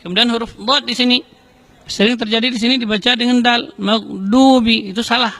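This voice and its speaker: A man teaching correct Quran recitation, explaining letter sounds slowly and carefully between chanted verses. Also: extremely high pitch, steady tone, sharp tone, dry recording. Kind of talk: tajwid lesson with recited examples.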